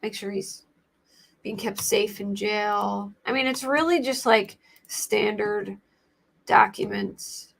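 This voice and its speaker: Scratchy, creaky American woman chatting casually. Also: medium pitch, slow pace. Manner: informal, rambling, thinking aloud. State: scratchy voice today. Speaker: livestream host commenting on true crime cases. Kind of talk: casual livestream chat commentary.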